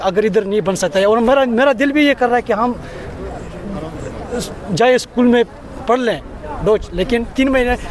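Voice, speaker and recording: A man in his twenties from Afghanistan, a native Pashto speaker, earnestly pleading about his hardships in a street interview. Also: extremely high pitch. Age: 20s.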